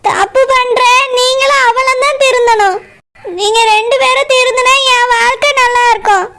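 A woman's voice: very high-pitched, steady tone, moderate pace, sharp tone, full character voice. A woman voicing a jealous young wife in a cartoon, accusing her husband through sobbing complaints. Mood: hurt. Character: tearful jealous young wife, quick to suspect. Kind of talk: cartoon voice acting.

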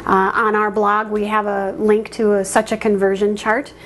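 A woman's voice: mid-range voice, flat delivery, normal speed, fairly bright tone, slight background noise. A woman in her thirties giving a casual cooking demonstration in her home kitchen, talking in a friendly, conversational way with frequent ums and uhs.

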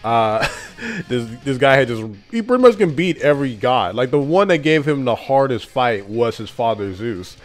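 A man talking casually as a gaming YouTuber, his voice raspy and a bit deeper than usual, with animated delivery and sudden loud bursts. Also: normal speed, soft background music.

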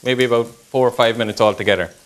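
A male chef talks through his cooking fast, in a medium-pitched voice, giving easygoing step-by-step instructions. The demonstration takes place in an indoor home-style kitchen, loud with sizzling pans.

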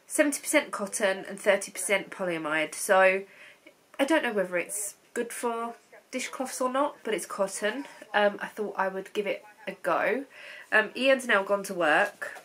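Her voice is mid-range, pushed and bright: a woman in her thirties, congested from a cold, rambling about knitting to her webcam with frequent ums. She's a knitting vlogger chatting casually from the sofa in her living room.

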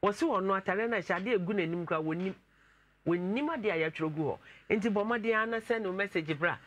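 A woman hosting a studio talk show, animated and chanting catchphrases. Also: mid-range voice, quick pace. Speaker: host.

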